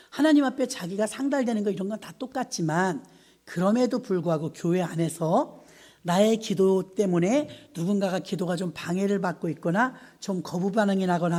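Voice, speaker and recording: A middle-aged woman pastor delivers a sermon as a run of lively stories. Her voice rises and falls across a wide range, and she breaks into laughter and mimicked sounds as she tells them. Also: mid-range voice. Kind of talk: sermon with storytelling.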